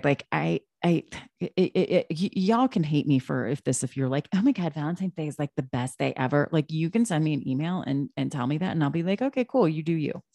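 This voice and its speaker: A woman's voice: low voice, gravelly, dark tone, no echo, studio quality. A woman co-hosting a podcast, talking casually and emphatically, with frequent restarts and asides. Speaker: podcast co-host.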